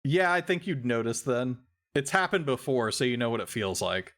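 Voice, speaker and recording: This is a man running a tabletop game as dungeon master. His voice sits at an ordinary mid pitch. He hands down rulings in a dry, matter-of-fact way. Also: big pitch swings, moderate pace, fairly bright tone.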